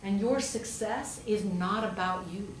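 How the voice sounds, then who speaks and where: A woman pastor who also serves as a hospital chaplain speaks at a medium pitch and measured pace, delivering a storytelling sermon conversationally with rhetorical questions and emphatic repetition. The recording is roomy and distant, with faint noise.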